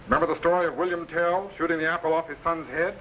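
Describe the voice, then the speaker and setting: A man playing a calm, authoritative scientist captain in a 1950s science fiction serial, precise and instructive. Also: a little high, dull audio, slight background noise, lightly acted. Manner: instructive, precise, measured commands.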